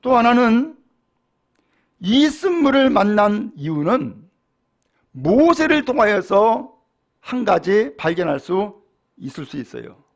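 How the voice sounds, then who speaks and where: A middle-aged man, a pastor, delivering a sermon with animated preaching that acts out quoted speech. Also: high-pitched, slow pace, pauses often.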